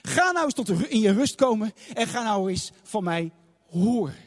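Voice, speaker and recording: A man voicing God, who gently coaxes a believer to stop talking and listen. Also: high voice, very animated, moderate pace. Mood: coaxing. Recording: long reverb of a large hall.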